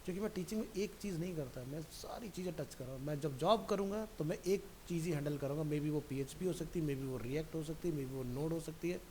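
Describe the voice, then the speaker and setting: A fairly high-voiced man teaching a computer class, relaxed and talkative, speaking straight to his student. A faint hiss runs under the recording. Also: a little fast, few pauses. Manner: chatty, digressive, addresses student directly. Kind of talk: casual classroom talk.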